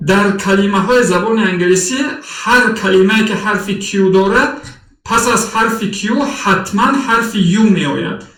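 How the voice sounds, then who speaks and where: A man teaching English phonetics in a recorded lesson, reading example words slowly and deliberately. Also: sits high, bright, forceful tone, echoey room, distant mic, low-quality recording.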